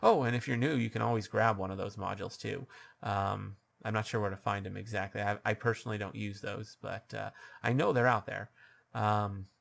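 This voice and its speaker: Offering unrehearsed guidance as a dungeon master, a man speaks in a lowish, gravelly, slightly bright voice with fairly even intonation and a touch of scratchiness. His delivery halts often, thick with ums and uhs, and he frequently starts over.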